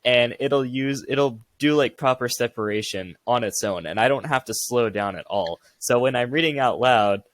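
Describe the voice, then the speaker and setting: A man's voice: medium pitch, moderate pace, hardly any pauses. A man co-hosting a casual podcast, rambling and laughing at himself. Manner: self-mocking, laughs often, rambles. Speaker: podcast co-host. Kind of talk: casual chat.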